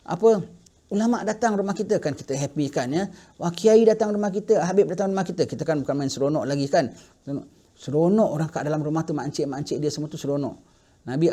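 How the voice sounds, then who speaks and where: A middle-aged man teaching a religious class, telling a story with lively acted-out quotes. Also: high voice. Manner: animated storytelling, acting out quoted voices. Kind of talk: sermon storytelling in Malay.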